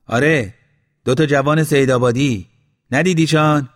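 A man voicing an old village man who calls out loudly from a rooftop in a storybook reading. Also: on the high side, pitched above the performer's own voice, close to an everyday voice. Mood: calling out. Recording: long hall reverb.

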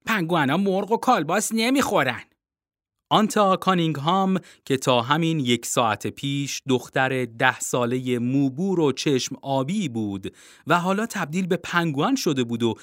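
A narrator reading a children's storybook aloud, expressive and quick, switching into character voices. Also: medium pitch, dry recording, studio quality.

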